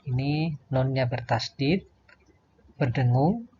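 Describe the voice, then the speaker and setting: A man teaching young children to recite verses, chanting each line slowly and then explaining the pronunciation patiently. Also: medium pitch, expressive, mellow, lo-fi sound, a little hiss or hum. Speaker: primary school religion teacher. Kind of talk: slow recitation lesson for children.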